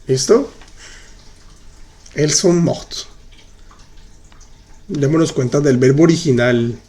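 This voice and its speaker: A man leads a live online lesson, talking slowly and patiently as he repeats each example. His voice sits a little high but has a mellow, soft tone. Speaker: French teacher. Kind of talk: live online class, answering chat.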